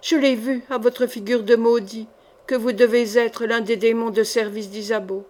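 A woman reading the part of a frightened, wounded young mother in an audiobook, pleading and distraught, in a slightly high voice. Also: steady tone, moderate pace, darkish tone, lightly acted. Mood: frantic.

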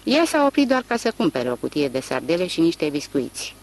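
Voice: medium pitch, sing-song, rough recording. An audiobook reader voicing a farmer man who gossips in a matter-of-fact way.

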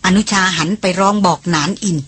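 A woman narrating an adventure novel as an audiobook, with steady, descriptive storytelling. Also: on the low side, brisk, breathy edge. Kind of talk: scripted narration.

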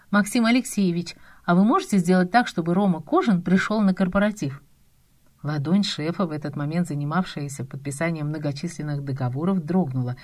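A young adult woman giving expressive, confiding first-person audiobook narration with a lightly sarcastic edge. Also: fairly low pitch.

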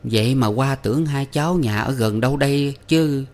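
A kindly, wealthy middle-aged lady, played by a man, speaks in a voice lifted above his own. She sounds gentle and coaxing, a motherly figure in a storybook reading. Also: mid-range voice, moderate pace, voice pushed up, lightly acted. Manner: soft, fond and coaxing. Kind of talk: audiobook reading.

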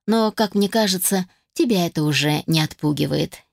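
A woman voicing a sly, mischievous female fairy who teases in a smug, lowered voice. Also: normal speed, gravelly, no echo, clean studio sound. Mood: teasing. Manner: teasing, smug, with soft giggles. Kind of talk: audiobook character voice.

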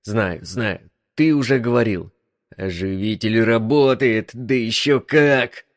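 A man voicing an excitable, brash eccentric male inventor who talks in loud exclamations, in an audiobook. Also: on the low side, slow, no room sound, clean studio sound. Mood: excited. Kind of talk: audiobook reading.

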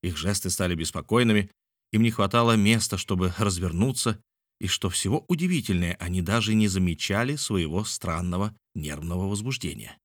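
Male audiobook narrator, low voice, measured, dry close-mic sound. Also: animated, no room sound. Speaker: audiobook reader. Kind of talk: scripted narration.

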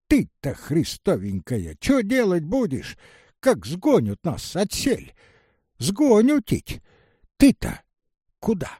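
Guy voicing cranky old village woman, scolds and mocks, gravelly raised voice. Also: sits high, darkish tone, no echo, studio quality, full character voice. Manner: blunt, scolding, exclaiming.

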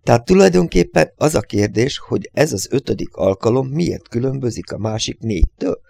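A man voicing a calm, methodical male thinker who reasons step by step in a storybook reading. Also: mid-range voice, creaky, no room sound. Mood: thoughtful. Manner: measured, deliberate.

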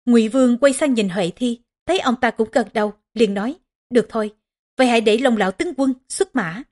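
A woman's voice: fairly high pitch, a little mellow. Woman narrating a historical audiobook. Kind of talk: scripted narration of a historical novel.

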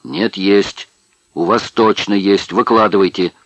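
A man voicing a rough male camp prisoner who croaks and demands cigarettes. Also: lowish voice, measured pace, fairly bright tone, no echo, full character voice, low-quality recording. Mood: demanding. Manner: croaking, pushy.

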